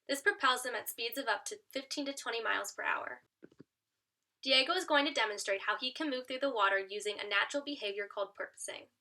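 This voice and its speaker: A young adult woman with a fairly high, pushed, bright voice delivers a scripted educational show presentation. She's a student auditioning, playing an upbeat presenter addressing an audience.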